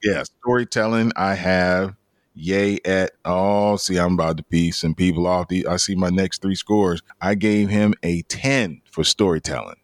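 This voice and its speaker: A man's voice: low-pitched, unhurried, dry recording, clean studio sound. A man hosting a casual podcast discussion, calling on each panelist in turn and laughing easily. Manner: laughs easily, steady moderating. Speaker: podcast host.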